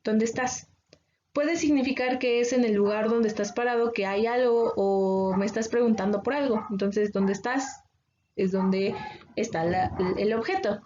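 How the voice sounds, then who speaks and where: High-voiced Mexican woman teacher, muffled audio. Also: mellow, slight background noise. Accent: Mexican Spanish. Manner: patient, explanatory, with frequent filler pauses. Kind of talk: recorded online class lecture.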